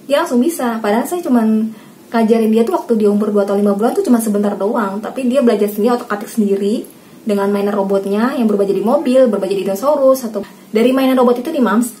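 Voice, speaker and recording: Chatty mom vlogger, addresses viewers directly. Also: female voice, a little high, fast, warm tone, slight background noise. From Indonesia. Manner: chatty, addresses viewers as Mams, acts out talking to her child. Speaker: parenting vlogger. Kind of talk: casual talk to camera.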